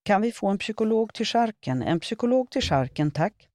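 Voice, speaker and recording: A woman's voice: medium pitch, big pitch swings, dark tone, dry recording, clean studio sound, pitched above the performer's own voice, natural voice. A woman reading a humorous column, voicing a frightened male shop manager calling out over a store microphone. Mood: panicky. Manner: announcing, panicky.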